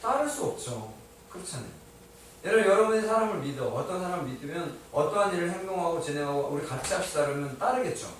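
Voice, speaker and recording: A man preaches in a lively, rising and falling voice, putting questions to the congregation and then answering them himself. He sounds slightly higher than most men. The sound is a long, echoey church hall picked up from some distance, with faint background noise. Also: fast. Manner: lively, emphatic preaching with light humor. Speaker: pastor. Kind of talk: sermon. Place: church sanctuary.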